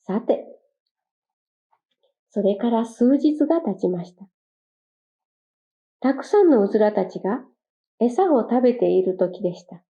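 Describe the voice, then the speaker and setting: Woman telling a gentle children's fable. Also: on the high side. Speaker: storyteller. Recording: dull lo-fi recording.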